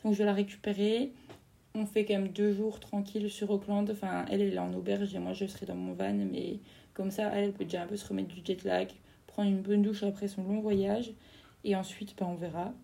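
A woman's voice: mid-range voice, little pitch movement, fairly quick, creaky, mellow. A young woman from France talking in a casual, rambling podcast monologue, full of fillers and self-corrections. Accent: French. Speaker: podcast host.

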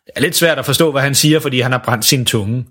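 A Danish man narrating a children's Christmas story with an expressive reading. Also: mid-range voice, breathy edge.

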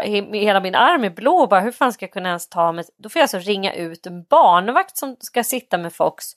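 A woman's voice: mid-range voice, no echo. Woman, 30s, podcast co-host; chatty, cursing storyteller, dry voice. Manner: swears freely, storytelling with acted quotes. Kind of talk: casual chat.

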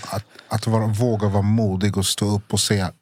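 A man's voice: fairly low pitch, level tone, a little mellow. A man hosting a podcast, speaking earnestly and affirming his guest. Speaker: podcast host. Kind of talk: casual chat.

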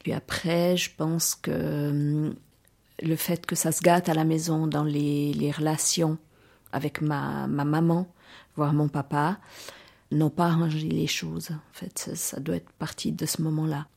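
A woman's voice: low voice, little pitch movement, vocal fry, darkish tone, slightly rough. A woman, hesitantly recounting her personal story in an interview. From Lausanne region, Switzerland. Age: 40s. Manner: hesitant, reflective, many pauses and fillers.

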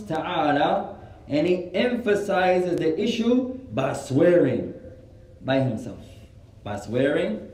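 A man teaching a religious studies class, repeating each point slowly so students can write it down. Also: on the high side, darkish tone, roomy sound, recorded from a distance, rough recording. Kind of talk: classroom lesson, Arabic then English.

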